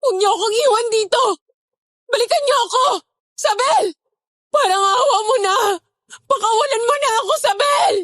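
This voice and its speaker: A woman's voice: very high-pitched, a little fast, no room sound, clean studio sound. A woman playing a frightened young nanny held captive, pleading and stammering. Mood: desperate.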